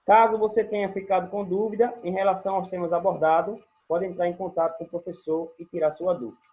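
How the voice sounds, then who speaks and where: A teacher with a Brazilian accent giving a recorded online grammar lesson, explaining in a measured way and listing examples word by word. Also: medium pitch, level tone. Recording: dull lo-fi recording with faint music.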